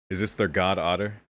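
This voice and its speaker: A young man with a low, slightly bright voice hosts a casual anime reaction channel, exclaiming candidly and often laughing and swearing.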